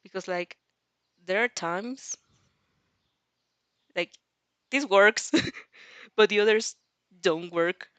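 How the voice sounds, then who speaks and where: Drawing out her words and leaving long pauses, a woman reads fan fiction aloud with expression as the host of a reaction. Her mid-range voice is fairly bright and clean with no room sound, and she keeps breaking off into giggly, rambling, casual asides.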